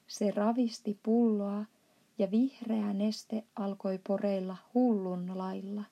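A woman narrating a children's storybook in a measured, soft-spoken way. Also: mid-range voice, little pitch movement, dull audio. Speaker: audiobook reader.

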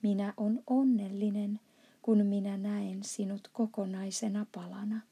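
A woman reading aloud plays a good-hearted giant from a storybook who fusses tenderly over a small friend. He talks softly, with a warm, breathy, slightly gravelly voice. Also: mid-range voice, little pitch movement. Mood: fond, indignant. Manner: soft and fond, turning to outbursts. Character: kind, gentle male giant with broken grammar.

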